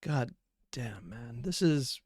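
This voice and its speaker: This reaction-video host has a husky, darkish medium-pitched voice that swings widely in pitch and moves slowly. He analyzes the footage as he goes, thinking out loud and often leaving sentences hanging. It's a studio-quality recording with no room sound.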